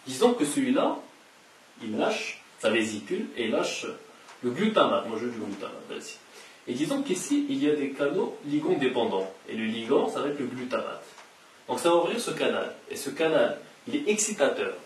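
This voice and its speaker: This science educator, a man with a mid-range voice and big swings in pitch, gives a casual lecture at a moderate pace, explaining things step by step and repeating key terms. The recording has a roomy echo, faint hiss, and a distant mic.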